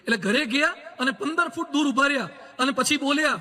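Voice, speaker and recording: Bright high-voiced man preaching in a hall. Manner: storytelling, slow emphatic quotes. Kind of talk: sermon with anecdotes. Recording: long hall reverb.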